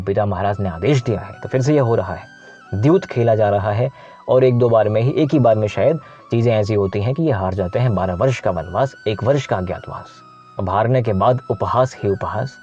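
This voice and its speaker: A man retells an ancient epic in a relaxed, conversational way, stopping to explain things to his listeners. His voice is low and mellow. The recording is a little dull, with faint music behind. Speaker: storyteller host. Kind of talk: casual spoken retelling of an epic.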